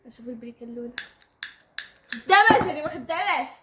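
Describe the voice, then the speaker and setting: A woman's voice: high voice, lively intonation, rapid-fire, reverberant, heavy background noise. A woman with a Moroccan Arabic accent, bossing around and teasing in a casual vlog. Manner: bossy, teasing, giggling. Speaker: vlogger.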